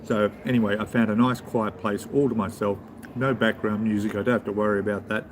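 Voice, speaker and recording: A relaxed man with a fairly low voice rambles through a casual live-stream chat, talking to his viewers between bites. He sits in a big hotel lobby bar. Clear background noise hangs behind his voice the whole time. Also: brisk. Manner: relaxed, rambling, chats with viewers while eating. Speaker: travel vlogger.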